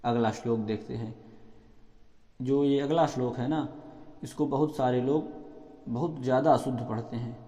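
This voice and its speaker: A male teacher slowly chants verses line by line and repeats them. Between lines he gives quieter spoken notes on pronunciation. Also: mid-range voice, fairly even intonation. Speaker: recitation teacher. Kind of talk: slow verse chanting lesson. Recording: echoey long-reverb hall, dull lo-fi sound, faint music.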